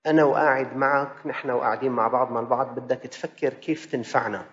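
A man's voice: medium pitch, steady tone, fast, a bit bright. Male preacher, rhythmic repeating sermon delivery, long hall reverb. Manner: mixes classical Arabic with colloquial asides, rhythmic repetition. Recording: dull sound in a reverberant hall.

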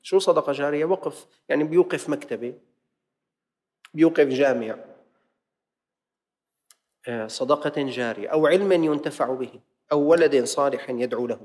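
A man preaching to a congregation in a mosque. He slips from quick colloquial speech into slow, drawn-out classical quotations and acts out the questions of worshippers. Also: a little high, darkish tone. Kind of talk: lesson-sermon to a congregation. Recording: long hall reverb.

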